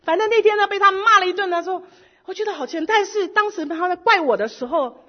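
A middle-aged woman giving a personal church testimony in lively storytelling style, slipping English words into her speech. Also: extremely high pitch, quick pace. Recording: dull lo-fi recording.

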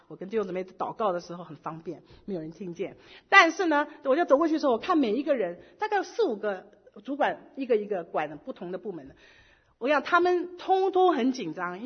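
High husky middle-aged woman telling a testimony. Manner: lively storytelling, mixes in English words. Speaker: church member giving a testimony. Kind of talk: personal testimony. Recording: dull lo-fi recording.

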